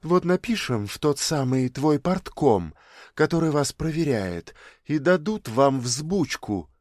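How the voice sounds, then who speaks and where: A man's voice: fairly high pitch, sing-song, takes it slowly, a little mellow, no echo, clean studio sound. A man reading an audiobook, voicing a cheeky, defiant teenage girl who talks back to her mother. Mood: challenging. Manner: mocking, challenging.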